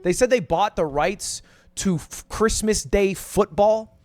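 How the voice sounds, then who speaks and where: A man giving animated opinion commentary in a blunt, exasperated manner, swearing often. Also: sits high, slow, dry recording. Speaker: online commentator.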